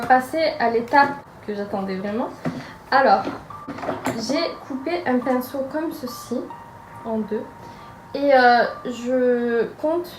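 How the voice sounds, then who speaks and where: A woman's voice: on the high side, noisy background. Chatty young woman in a roomy echo. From France. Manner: chatty, hesitant, with frequent fillers. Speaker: makeup vlogger. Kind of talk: casual makeup tutorial narration. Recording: roomy echo with music behind.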